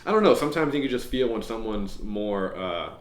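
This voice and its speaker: A young man from Houston co-hosting a casual podcast, relaxed and rambling, often laughing. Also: lowish voice, brisk. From Houston, Texas. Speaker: podcast co-host. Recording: echoey room.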